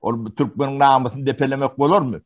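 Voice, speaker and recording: Halting middle-voiced man from Turkmenistan. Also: medium pitch, fairly even intonation. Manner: halting, many pauses and fillers. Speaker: witness interviewee. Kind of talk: testimony interview.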